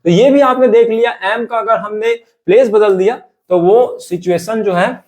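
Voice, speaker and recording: A man's voice: high-pitched, a little slow, a little mellow. A man teaching English grammar, drilling example sentences over and over. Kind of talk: classroom grammar lesson.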